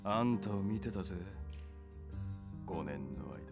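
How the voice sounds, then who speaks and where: A man voicing a sly, rough-talking male convict in a video game, with a gruff, sneering delivery. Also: on the low side, expressive, normal speed. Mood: sneering, menacing. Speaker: voiced character in a game. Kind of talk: Japanese game voice acting. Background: loud game music.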